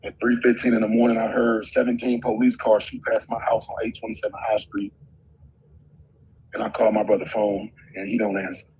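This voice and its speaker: A man's voice: on the low side, flat delivery, a little fast, darkish tone. A middle-aged man telling a painful personal story in a raw, emotional way, swearing heavily. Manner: intense, emotional, heavy swearing. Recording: muffled with faint background noise.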